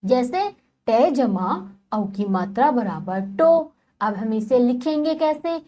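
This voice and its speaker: A woman giving a slow, patient phonics lesson to young children, spelling words out syllable by syllable. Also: on the high side, lively intonation, warm tone. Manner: repeatedly addresses the children. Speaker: teacher.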